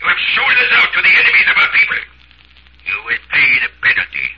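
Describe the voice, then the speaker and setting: An actor playing a fanatical accuser, ranting and shrieking for punishment in an old radio drama. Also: male voice, huge pitch swings, takes it slowly, full character voice. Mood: accusing, fanatical. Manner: shrill, ranting shouting. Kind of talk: mid-century radio drama acting. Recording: dull old radio recording.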